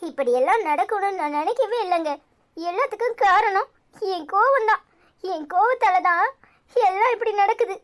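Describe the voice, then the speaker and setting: A cartoon young mother with a very high, piping voice and a Tirunelveli Tamil accent, as a woman acts her out. She soothes her children and frets with her husband, caring and quick to blame herself. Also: fairly bright tone. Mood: distressed. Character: caring young mother and wife, tearful and self-blaming. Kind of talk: cartoon serial acting.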